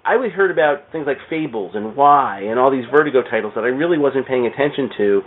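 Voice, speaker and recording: Talking fast and animatedly in a medium-pitched voice, a podcast guest who owns a comic shop rambles enthusiastically through casual stories, repeating his words. The sound is tinny and phone-like, with noticeable background noise.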